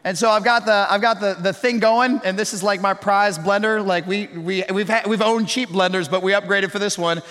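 A man in his thirties preaching a sermon, swinging between loud storytelling and hushed, slow reflection. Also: sits high, fairly even intonation, long reverb tail, faint music behind. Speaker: pastor.

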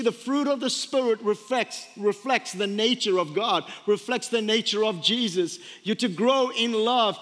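A man's voice: high-pitched, a bit bright, big-room sound. A man preaching a conversational sermon as a pastor, repeating key phrases for emphasis and putting rhetorical questions to his congregation. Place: large room, speaking to a congregation.

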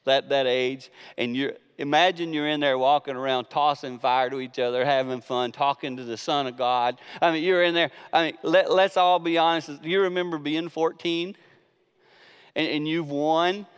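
High-voiced preacher in an echoing sanctuary. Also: male voice, moderate pace, clean tone. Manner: animated storytelling, colloquial, frequent restarts. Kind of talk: sermon.

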